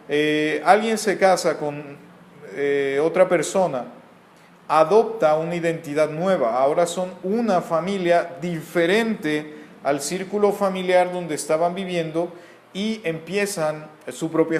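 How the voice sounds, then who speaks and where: A man's voice: a little high, echoey room. A man from Mexico with a Mexican accent, giving an earnest, repetitive Bible teaching. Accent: Mexican Spanish.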